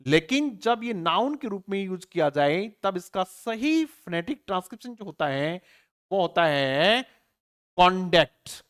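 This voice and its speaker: A man's voice: high-pitched, sing-song, moderate pace, few pauses. A man teaching an online exam-prep English lesson, who asks rhetorical questions, answers them himself and spells words out letter by letter. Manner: addresses students familiarly, checking understanding.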